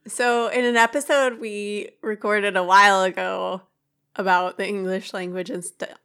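A woman co-hosting a podcast, chatting casually and halting now and then to correct herself. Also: medium pitch, steady tone, sharp tone, clear, resonant tone. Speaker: podcast co-host. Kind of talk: casual chat.

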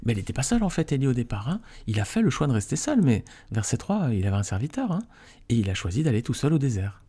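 Man, Bible teacher, conversational study, dark mellow tone, husky voice. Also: mid-range voice, sing-song, fast. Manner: reads scripture aloud, then explains it informally with frequent tag questions; addresses listeners warmly as friends.

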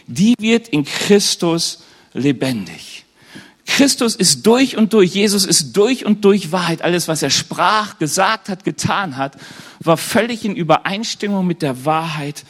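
A man with a notably high voice preaches to a congregation. He keeps the tone conversational, often checks in with his listeners through questions, and adds light humorous asides. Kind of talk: sermon to a live congregation.

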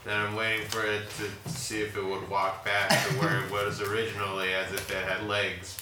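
A man playing a tabletop game, speaking in a dry deadpan way. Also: lowish voice, brisk. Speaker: player. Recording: echoey, distant, loud noise.

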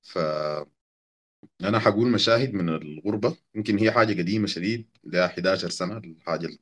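A man speaking reflectively before reading poetry, measured with some hesitations. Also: deep voice. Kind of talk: reflective spoken introduction to poetry.

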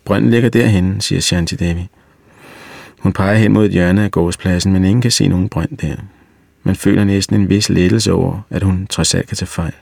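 A man reading a story aloud in calm, even audiobook narration. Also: deep voice, gravelly, dry recording. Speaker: reader.

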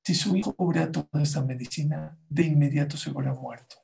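A man's voice: on the high side, quick pace, vocal fry, a little mellow, roomy sound. A man voicing an alarmed older male pharmacist who gives urgent commands in a raised voice.

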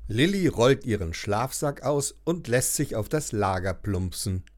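Male audiobook narrator, children's story, very lively intonation. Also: mid-range voice, measured pace. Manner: animated, expressive storytelling.

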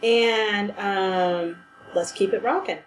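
Female co-host, slightly high voice, relaxed conversational prompting, echoey room with light background noise. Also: slow. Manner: prompting with questions and short affirmations. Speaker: podcast co-host. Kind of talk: casual chat. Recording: roomy echo, faint background noise.

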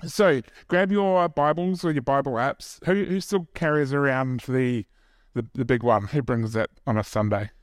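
At a moderate pace, a mid-range New Zealand-accented man preaches casually at a church service. The audio is clean studio sound with no room reverb. He's self-deprecating and jokey, often turning aside to chat with the congregation.

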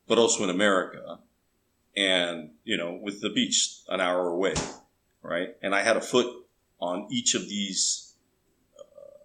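A man with a fairly deep voice, raised on the border between Texas and Mexico, talks as a guest in a relaxed interview. He lays out his views earnestly and thinks aloud. The room around him is echoey, with a faint background hum. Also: measured pace, pauses often. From Texas–Mexico border region. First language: bilingual English and Spanish. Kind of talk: casual interview.

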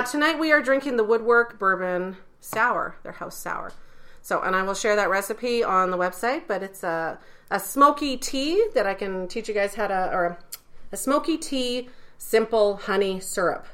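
Casual co-host: woman, bright and forward tone, excitable, chatty, quick to laugh. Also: mid-range voice. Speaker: podcast co-host. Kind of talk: casual chat about food and drinks.

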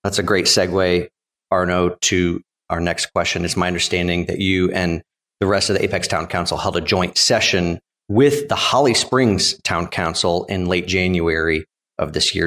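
A man's voice: low-pitched, a bit bright, in a large hall. A man hosting a local podcast, introducing the guest and asking questions in a friendly, scripted way. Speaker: podcast host. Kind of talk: podcast interviewing.

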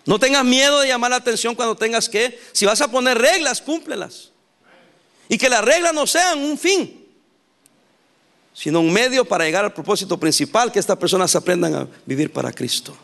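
A male pastor preaching a sermon in a lively, animated way, laughing and acting out quotes. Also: extremely high pitch, moderate pace, vocal fry.

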